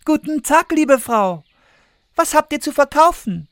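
An actor voicing a gentle young princess, high and pleading, in a children's fairy tale reading. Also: male voice, very animated, a little slow, dry recording, studio quality, heavily acted. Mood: friendly.

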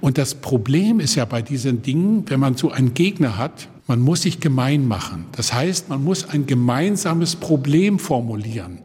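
Husky older man telling anecdotes. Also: medium pitch, moderate pace, hardly any pauses, in a large hall. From Baltic coast of Germany. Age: around 70. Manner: lively storyteller who acts out the people in his stories. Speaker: guest, organ builder. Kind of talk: anecdotal storytelling in conversation.

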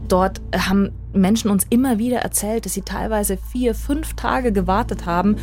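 A woman reporter explaining events in a relaxed conversational way, using everyday examples from her own life. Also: mid-range voice, moderate pace, over music. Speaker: foreign correspondent guest. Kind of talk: conversational podcast interview.

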